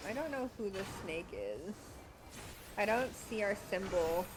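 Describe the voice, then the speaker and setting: A woman streaming an online game, chatting casually with a co-player, excitable and giggly with plenty of swearing. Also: mid-range voice, a little slow. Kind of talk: casual live gameplay chat. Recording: noisy stream audio.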